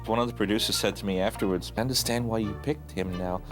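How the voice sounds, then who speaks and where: Lowish guy voice, film maker chatting anecdotes, music under him. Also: steady tone, fast talker. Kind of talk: anecdotal casual interview.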